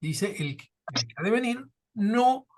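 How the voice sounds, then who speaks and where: A class teacher speaking in a measured, thoughtful way, pausing often and reading passages aloud. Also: medium pitch, expressive, noisy background. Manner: measured, thoughtful, many filler pauses.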